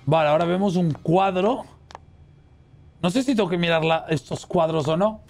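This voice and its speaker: A man playing a horror game as a streamer, chatting casually with his viewers, swearing and yelling at the scares. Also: high-pitched, moderate pace, a little hiss or hum. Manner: excitable, swears and shrieks at scares, talks to chat. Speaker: gaming streamer. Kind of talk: casual let's-play commentary.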